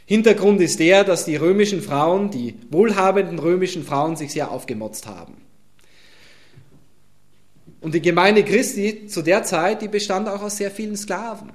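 A man's voice: high voice, moderate pace. A pastor preaching, expounding a Bible passage and speaking directly to his congregation. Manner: addresses congregation directly, emphatic Bible exposition. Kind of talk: sermon.

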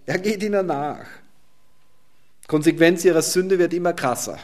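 Preacher swinging from loud to whispered. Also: male voice, fairly high pitch, normal speed. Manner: swings from loud emphasis to soft near-whisper. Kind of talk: sermon with scripture reading.

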